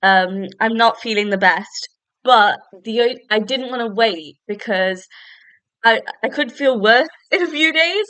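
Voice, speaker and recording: A young woman hosts her own casual solo book-review podcast, chatting and rambling with lots of fillers while a little bunged up from a cold. Her voice is on the high side and a bit bright, with lively intonation and a slightly slow pace, in a clean, dry recording.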